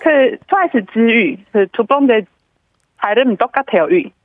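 A woman's voice: fairly high pitch, animated, measured pace, no room sound. A young woman from Taiwan, a native Mandarin speaker with a Taiwanese accent, calling in as a student with polite, eager, short answers. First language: Mandarin Chinese. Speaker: caller, student. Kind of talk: phone-in chat. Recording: tinny phone line.

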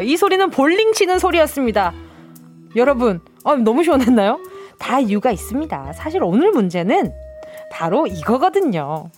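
Animated, high-pitched woman radio host. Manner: animated, theatrical, reads listener texts aloud. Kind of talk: playful radio quiz hosting. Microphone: studio microphone.

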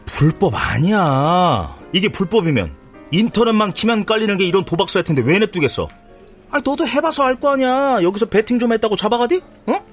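A slick young recruiter playing the friendly older brother, lively in pitch and coaxing. His voice sits a little high. Faint music runs underneath. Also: brisk. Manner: chummy, persuasive, coaxing. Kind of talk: TV drama acting.

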